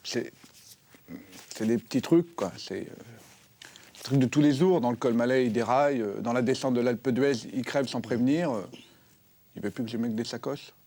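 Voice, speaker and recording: Brief: a man doing a halting, plaintive sad-sack TV guest, ordinary middle voice, comic sketch. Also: medium pitch, mellow, natural voice. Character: heartbroken man jilted by his bicycle. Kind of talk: comedy sketch acting.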